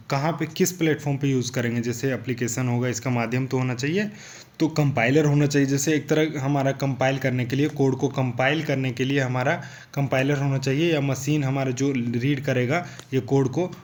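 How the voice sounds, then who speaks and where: A young man explaining programming basics in a casual tutorial, looping back often with "thik hai" and "guys". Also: mid-range voice. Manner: repetitive, loose, filler "thik hai" and "guys".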